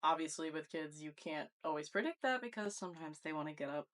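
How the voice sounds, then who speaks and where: Woman, 30s, lowish voice, casual podcast co-host, laughs a lot, long explanations. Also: expressive, fast talker, a bit bright. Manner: laughs often, talks things through in long stretches. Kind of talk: casual chat.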